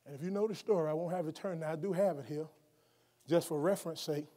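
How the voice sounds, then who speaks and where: High-voiced preacher shouting in a chapel. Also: male voice, quick pace. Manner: swings from quiet explanation to shouted emphasis; stumbles and restarts often when speaking off the cuff. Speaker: guest preacher. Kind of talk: sermon. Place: college chapel auditorium, at a lectern on stage. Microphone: lectern microphone, wide camera. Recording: long hall reverb from a large chapel.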